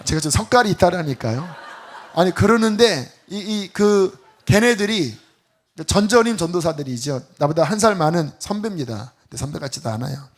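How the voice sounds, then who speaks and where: A middle-aged man, a pastor, preaching a Friday sermon and telling a personal story with animated, acted-out quotes. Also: high-pitched, moderate pace.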